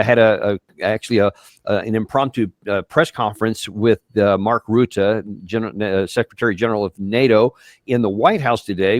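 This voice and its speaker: A man hosting an interview, speaking in a measured way with frequent fillers and restarts. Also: fairly low pitch, no room sound, studio quality. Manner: measured, halting with many fillers. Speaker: host. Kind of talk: interview host talk.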